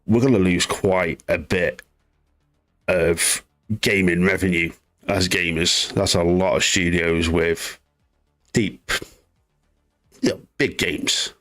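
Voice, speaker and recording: A man with a very deep, low voice talks loosely through gaming news on a live stream. He wanders into asides and reads out messages from chat as he goes. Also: fairly even intonation, slow pace, pauses often, a bit bright, faint music behind. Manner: chatty, reads chat aloud, rambling asides. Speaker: gaming news livestream host. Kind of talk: casual live-stream commentary.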